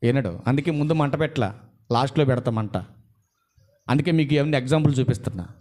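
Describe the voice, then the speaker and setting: A man preaching a sermon to his congregation. He fires rhetorical questions at his listeners and stretches key words out slowly for emphasis. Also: medium pitch, darkish tone.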